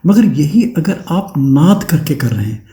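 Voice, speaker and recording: A man's voice: on the high side, very animated, unhurried, mellow, echoey room. A man giving a spiritual discourse as a teacher, explaining step by step, often checking in with "है ना" and demonstrating chants himself.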